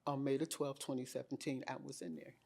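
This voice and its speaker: A middle-aged woman, an interview guest, telling her story in a candid, animated way and quoting herself with emphasis. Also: very deep voice, quick pace, creaky.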